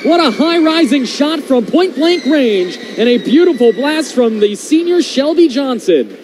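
High-voiced male hockey play-by-play announcer. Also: very animated, unhurried, darkish tone. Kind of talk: brisk sports commentary. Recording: noisy rink broadcast audio.

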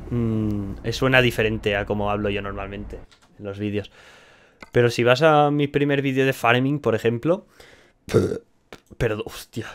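A young man from Catalonia talks loosely to his viewers while he plays, wandering from one thought to the next and padding sentences with friendly fillers. His voice sits at an average pitch for a man. Faint noise hums behind him. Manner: chatty, rambling, lots of "tío". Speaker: gaming YouTuber. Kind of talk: casual gameplay commentary.

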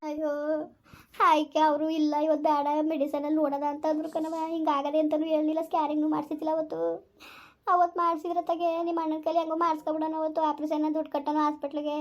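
A woman's voice: high-pitched, little pitch movement, fast, natural voice. A woman playing an anxious middle-aged village mother, in a village comedy skit. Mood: despairing. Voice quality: wailing, fretful lament.

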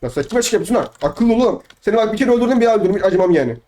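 A man's voice: sits high, expressive, very fast, dark tone. A young man from Turkey chatting casually over gameplay, boastful and teasing, repeating his lines. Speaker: gamer.

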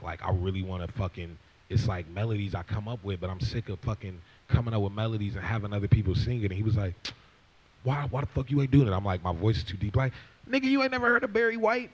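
The voice is fairly low and the audio sounds dull. He's a guest rapper in his twenties, sitting on a stage with a leather couch before an audience, mic in hand, spinning a long casual story full of profanity, wandering off on tangents and performing the quoted lines himself.

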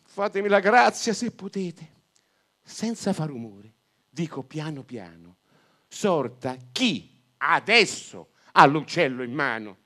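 Man putting on a flustered shouting village priest. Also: a little high, lively intonation, slow, voice pushed up, full character voice. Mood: urgent pleading. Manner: shouting, exasperated pleading. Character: flustered middle-aged male village priest. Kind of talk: comic verse recitation.

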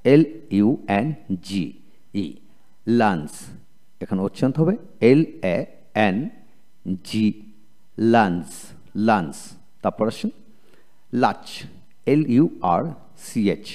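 A man with a Bengali accent teaches English spelling in a video lecture. He talks slowly and repeats each word, spelling it out one letter at a time. His voice sits a little low but rises and falls widely as he drills. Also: a little mellow. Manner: slow, repetitive letter-by-letter drilling.

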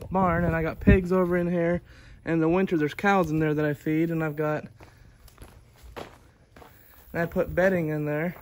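Outdoors by a barn, a man in his thirties stands beside a sawmill sharing tips in a casual how-to demo, filming himself on a handheld phone. A hobbyist with a fairly high, slightly mellow voice, he speaks plainly while working with his hands, and the phone audio picks up clear background noise.

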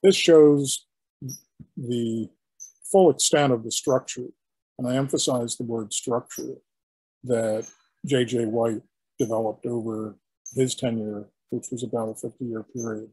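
An older man, a historian, giving an illustrated lecture in a halting, explanatory way with frequent restarts. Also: medium pitch, steady tone, mellow, slightly rough, no echo, poor audio. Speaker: historian giving a guest talk.

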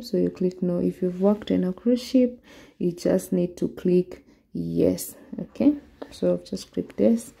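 A woman's voice: lowish voice, creaky, mellow. A Kenyan woman walking viewers through an online form step by step in a screen-recorded tutorial. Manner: slow, step-by-step explaining. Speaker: vlogger.

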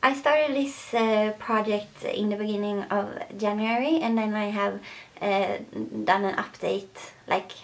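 A woman's voice: mid-range voice, gravelly. A young woman with a Swedish accent talking casually to camera as a beauty vlogger, hesitant and full of fillers.

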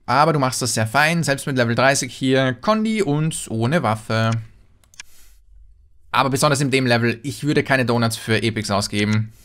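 A man's voice: normal speed, a bit bright. A man doing casual gaming commentary, chatting and answering viewer messages as a let's player. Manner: chatty, jumps in pitch when reading names.

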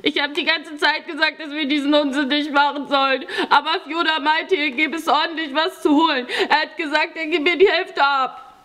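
A woman's voice: high-pitched, unhurried, fairly bright tone, voice pushed up. A woman voicing a frightened fifteen-year-old boy thief who whimpers and pleads, in an audiobook reading. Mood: tearful.

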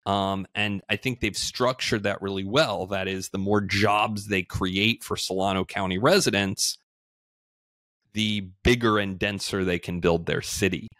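A man in his thirties, a guest on a remote video call, explaining things in a measured way with frequent fillers. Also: fairly low pitch, fairly bright tone, no echo. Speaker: podcast guest, housing entrepreneur. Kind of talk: conversational interview.

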